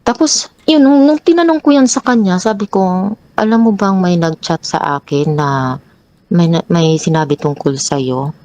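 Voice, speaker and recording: Woman telling her own story, lowish voice, halting, lots of restarts, dry close mic. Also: warm tone, dry recording, poor audio. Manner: hesitant, halting with many restarts; pitches up sharply when reliving an argument. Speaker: guest sharing a personal story. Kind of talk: confessional personal storytelling.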